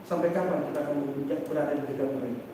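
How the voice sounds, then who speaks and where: Animated man lecturing in an echoey hall. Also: fairly high pitch, very fast. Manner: animated, acts out parents and children, asks the audience questions. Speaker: Islamic teacher giving a parenting seminar. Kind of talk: lively lecture to parents. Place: large seminar room. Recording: distant, very echoey hall with faint noise.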